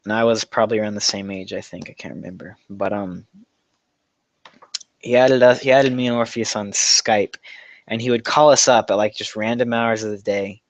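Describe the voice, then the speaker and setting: A man's voice: lowish voice, steady tone, moderate pace, no room sound. A young man casually chatting on a livestream, telling rambling, profane stories and laughing through them. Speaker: livestream host answering chat questions.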